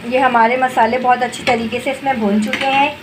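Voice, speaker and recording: A woman's fairly even, high-leaning voice comes through briskly as she narrates a homemade cooking tutorial for her channel. She carefully explains each step in a homey, instructive manner. Her phone sits over the stove, picking up the noisy sizzle of frying and stirring.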